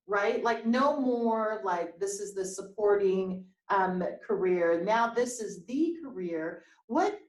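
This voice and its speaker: A woman's voice: mid-range voice, a little mellow, echoey room, rough recording. A woman, a business coach, hosting an interview over a video call, explaining points and checking in with questions.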